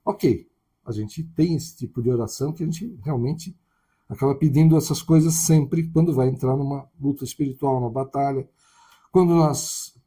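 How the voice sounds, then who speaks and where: A man's voice: mid-range voice, warm tone, husky. A man with a Brazilian Portuguese accent preaching a sermon in a conversational way, often checking in with tag questions.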